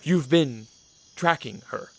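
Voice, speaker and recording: A man's voice: a little high, takes it slowly, a bit bright. An actor playing a solemn, wary vampire count in a radio drama, earnest and formal in his wording. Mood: dry, wary. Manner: formal, stiff wording, dry grumbling.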